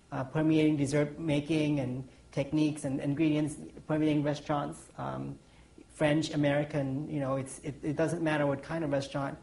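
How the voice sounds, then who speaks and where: A man's voice: a little high, darkish tone, rough recording. A man in his forties from Thailand, a pastry chef answering on a panel, rambling with lots of ums and restarts. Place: conference stage.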